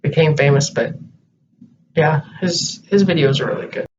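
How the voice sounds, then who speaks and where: A man with a slightly high voice chats casually, wandering through his thoughts with plenty of hesitation. He sits a little back from the mic. The recording sounds dull, with a faint hiss underneath. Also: normal speed. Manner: rambling, hesitant, thinking aloud. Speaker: co-host. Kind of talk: casual chat. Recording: distant muffled home recording with light hiss.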